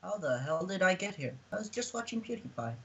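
A woman's voice: fairly low pitch, big pitch swings, fairly quick, slightly rough, exaggerated voice. A woman putting on a bored, dismissive male viewer with a dry manner. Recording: dull, lo-fi, from off mic.

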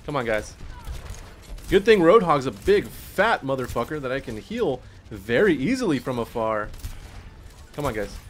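A man streaming gameplay, commenting casually in slang with swearing, a little tipsy from drinking, and breaking into excited yells during play. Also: medium pitch, normal speed, slight background noise. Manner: laid-back, slangy, swears, bursts into excited yelling at play. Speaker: gaming streamer.

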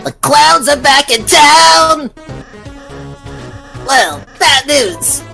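A woman acts out a small, boastful clown villain from a video game, unhinged and theatrical. The voice is creaky and swings widely in pitch. It takes its time, desperate to seem scary, over background music. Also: expressive, drawn-out words, pushed and bright, heavily acted. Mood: gleeful menace. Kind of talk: voicing video game dialogue in a let's play.

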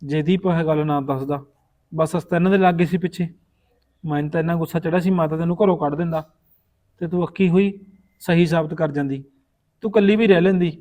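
A man playing a fast-talking, remorseful brother. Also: a little high, fairly even intonation, a little mellow, close to an everyday voice. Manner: earnest, pleading, reassuring. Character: remorseful elder brother, protective of his sister. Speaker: elder brother. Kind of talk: amateur village short-film acting.

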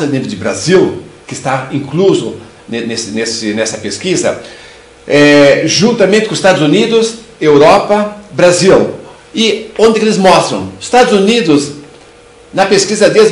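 An older man with a Brazilian Portuguese accent delivers a clinical lecture on oral disease, patient and explanatory. He often repeats and restarts words as he goes. His voice sits a little high and carries the echo of a book-lined room. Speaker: lecturer, dental surgeon. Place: room with bookshelves. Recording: echoey room sound.

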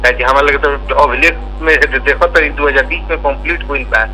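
A man with a Bihari accent plays an office clerk on an informal official phone call, pressing his questions insistently. His medium-pitched voice is fairly even in intonation, brisk, and comes across pushed and bright. The recorded call is noisy, with a hum.

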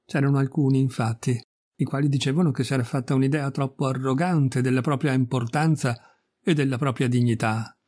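A middle-aged man reading a classic story aloud in a measured, literary way, lifting his pitch a little for quoted speech. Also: steady tone, a little mellow. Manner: measured literary reading, quoting characters with small pitch rises. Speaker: audiobook reader. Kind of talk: scripted narration of a classic tale.

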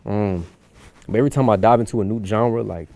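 A man's voice: lowish voice, brisk, vocal fry, warm tone, dry recording. A young man from Houston, chatting loosely as a guest musician, with plenty of fillers and restarts. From Houston, USA. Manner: rambling, loose, with many fillers. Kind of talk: casual chat.

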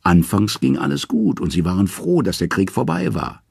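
A man's voice: fairly low pitch, big pitch swings, moderate pace, vocal fry, darkish tone, slightly rough, no echo, clean studio sound, pitched above the performer's own voice, heavily acted. A man voicing the revived, severed head of a wise old man who tells of trouble in a grave manner.

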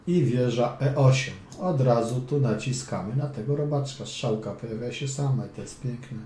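There's a warm tone to this man's medium-pitched voice as he talks at a normal speed while coaching chess over a game. He keeps things chatty and playful with jokes and muttered asides, and the space has an echo and a faint hum.

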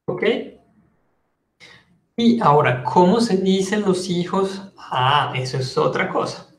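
A man with a Colombian Spanish accent teaching a French lesson, patiently explaining and repeating phrases slowly. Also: high voice, expressive, roomy sound. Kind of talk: online language lesson.

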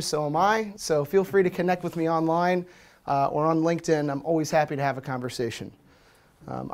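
An American man in his thirties from Washington, D.C., gives a casual presentation at a meetup in front of a projector screen. His voice is slightly high, and as a conference speaker he's relaxed and chatty, using lots of "um"s and "uh"s.

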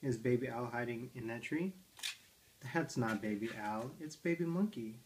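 This mid-range male voice, at a normal speed with background noise, belongs to a dad reading picture books to his toddler at home. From the living room armchair he playfully coaxes her, asking questions about the pages.

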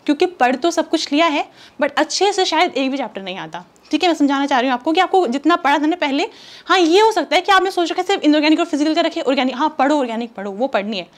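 A woman's voice: high-pitched, lively intonation, fast talker. A young woman teaching exam strategy to chemistry students in a chatty, direct and reassuring way, mixing in English words. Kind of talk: casual Hindi-English teaching talk.

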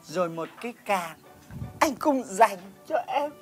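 A woman's voice: expressive, fairly quick, over loud music, over a noisy crowd. A brash foul-mouthed village woman. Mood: sentimental. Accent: Northern Vietnamese. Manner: theatrical, swings from sweet to shrill cursing. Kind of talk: stage comedy sketch.

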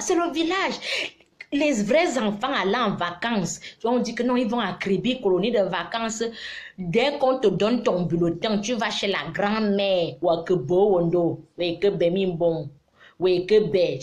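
A middle-aged woman, giving casual advice on a live stream in an animated, preachy but teasing way. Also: mid-range voice. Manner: animated, preachy and teasing, mixing scolding with affection.

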